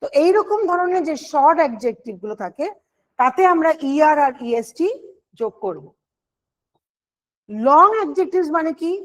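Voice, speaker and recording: Lady teacher, high voice, walks through grammar rules and quizzes herself as she goes. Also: animated, moderate pace, pauses often. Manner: explains step by step, asks and answers her own questions. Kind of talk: online exam-prep grammar lesson.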